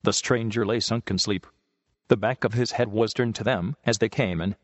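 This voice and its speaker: A man with a fairly low voice reads a story aloud at an even, measured pace. The sound is dull and lo-fi, with a long reverb tail over a close, dry voice. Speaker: narrator.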